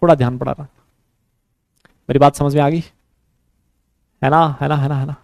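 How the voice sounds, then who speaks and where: High-voiced male teacher with a chatty, coaxing manner. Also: moderate pace, dry recording. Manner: tags nearly every sentence with a checking question, coaxes students to answer; lively, joking teacher banter. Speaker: school chemistry teacher. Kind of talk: classroom lecture.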